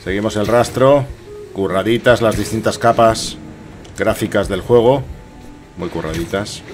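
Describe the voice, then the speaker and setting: Man, fifties, accent from Spain, low voice, jokey streamer muttering over a game, music underneath. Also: unhurried. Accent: Spanish from Spain. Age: 50s. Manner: jokey, muttering to himself, echoing the game's lines. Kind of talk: casual gameplay commentary.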